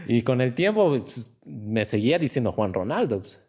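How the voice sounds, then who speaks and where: A young Ecuadorian man appears as a guest in a casual interview, telling animated stories, laughing often, and acting out other people's voices. His voice is husky and medium in pitch.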